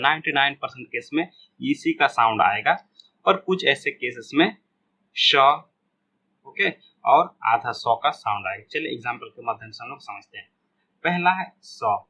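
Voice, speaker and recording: A man's voice: medium pitch, pushed and bright, slight background noise, rough recording. A man teaching a beginners' spoken English lesson, repeating each example word again and again.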